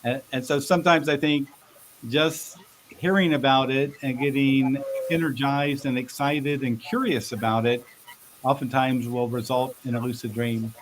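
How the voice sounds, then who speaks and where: Male interview guest, medium pitch, conversational explainer with a halting, word-repeating delivery and light hiss. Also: fairly even intonation. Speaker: interview guest, expert speaker. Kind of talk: casual explanatory interview talk. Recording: faint background hiss.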